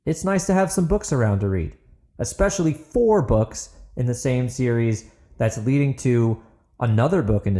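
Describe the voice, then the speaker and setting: On his fiction podcast, a man with a warm, mid-range voice gives a dramatic reading of his own novel. Afterwards he talks to his listeners with enthusiasm in a relaxed, casual sign-off.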